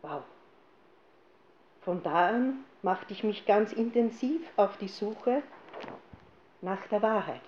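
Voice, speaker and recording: An Austrian woman stands before an audience and tells her personal faith story with lively animation, playing out her old words as she goes. Her mid-pitched voice rings in a roomy space, and the sound is a little dull, with faint ambience behind it. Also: slow pace, long pauses, a little hiss or hum. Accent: Austrian German. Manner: lively storyteller who acts out her own past lines. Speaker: speaker giving a testimony.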